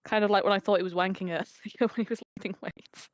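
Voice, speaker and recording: A woman's voice: medium pitch, fairly even intonation, quick pace, no room sound. A woman backseating a game stream, chatting with viewers in a giggly, teasing way and swearing freely. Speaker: backseat gamer co-host. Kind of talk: casual stream chat with viewers.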